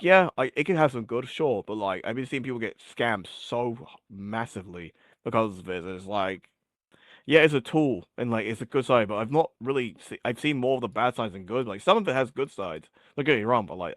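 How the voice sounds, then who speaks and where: Recorded dry and clean in a studio, this man has a lowish, slightly bright voice. He's a guest in an interview, rambling through casual chat with plenty of fillers, and he's clearly losing his voice as it grows worn.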